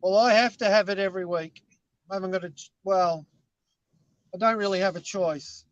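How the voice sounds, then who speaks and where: A man of Scottish background phones in as a guest, chatting casually and rambling in a self-deprecating way, his accent a blend from around the British Isles. His voice sits high and moves at a normal speed. The recording is dry and muffled.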